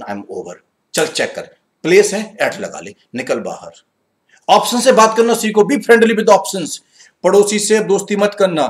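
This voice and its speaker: Teaching English grammar live online, this Indian-accented man mixes Hindi with English. He prepares students for exams in a high voice, staying upbeat and encouraging, reading each sentence slowly and murmuring under his breath while he checks responses.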